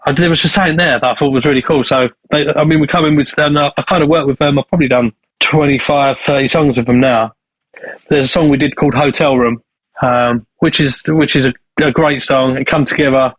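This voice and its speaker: A studio owner and producer from Manchester gives casual interview answers, rambling along with plenty of restarts and ums. His medium-pitched voice has a fairly bright tone, recorded on a dry mic with poor audio.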